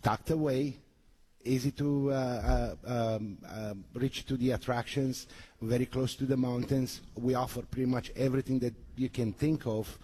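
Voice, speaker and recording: A man from Romania, a guest on a radio interview, speaking haltingly with many hesitations. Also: mid-range voice, steady tone, mellow, husky, rough recording. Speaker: guest, resort manager.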